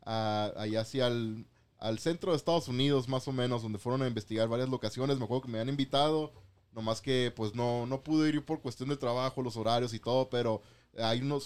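A man's voice: medium pitch, darkish tone, smooth. A man hosting a casual interview, switching between Spanish and English. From Mexico. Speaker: host.

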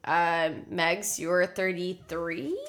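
Co-hosting a podcast, a Texan woman in her twenties chats casually in a jokey, exclamatory way with an American accent. Her voice is on the low side and fairly bright, with a steady tone and a very slow delivery.

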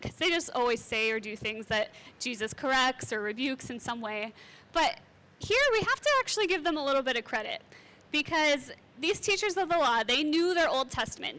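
A woman's voice: high-pitched, bright, forceful tone. A young woman teaching a casual Bible lesson in a chatty, conversational way with light asides.

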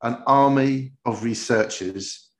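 Slow and medium-pitched, this podcast host conducts his interview in a casual, jokey, rambling way. The recording sounds roomy and echoey.

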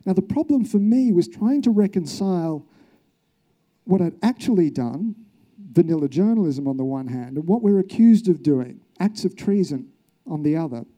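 This Australian male journalist recounts his own story in a public talk, speaking earnestly and reflectively and posing rhetorical questions. His high, mellow voice is expressive and moves at a normal speed.

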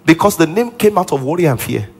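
A man's voice: on the high side, animated, quick pace, darkish tone, husky, faint music behind. A male pastor preaching a sermon with emphasis, repeating key lines and acting out what people say.

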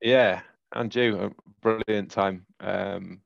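A man's voice: lowish voice, steady tone, slow pace, creaky, no echo, lo-fi sound. A man with a Yorkshire accent chatting casually as a podcast co-host, rambling through his picks with many fillers and bursts of laughter. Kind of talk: casual chat.

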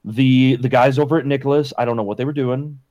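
A man's voice: mid-range voice, fairly even intonation, quick pace, a little mellow, no echo, lo-fi sound. A man giving a scathing, blunt, sweary critique in casual video game talk as a podcast co-host.

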